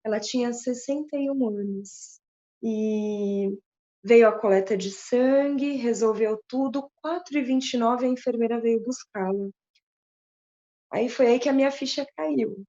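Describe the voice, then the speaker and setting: A woman recounts a painful personal story in a halting, tearful way, often restarting her sentences. Her voice sits fairly high with a soft, mellow tone. The audio is dull and lo-fi, like a video call. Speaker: guest. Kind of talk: emotional personal account.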